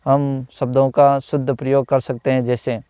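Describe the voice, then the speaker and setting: A man teaching a grammar lesson, slowly reading out words and their corrected forms, with hesitant fillers and self-corrections. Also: medium pitch, little pitch movement, clean tone, no echo. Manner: slow, repeats each corrected word with "तो ... होता है". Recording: dull, slightly lo-fi dry recording.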